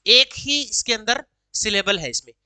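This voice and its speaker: Bright, crisp woman teaching. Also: a little high, lively intonation, no echo, poor audio. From Haryana, India. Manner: slow deliberate reading of English questions, quick Hindi explanations. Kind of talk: exam solution lesson, reading questions aloud then explaining.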